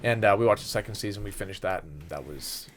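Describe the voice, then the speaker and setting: This podcast co-host has a lowish voice and talks fast, shooting the breeze with friends. Enthusiastic and prone to rambling, he curses plenty, with a little noise audible behind him.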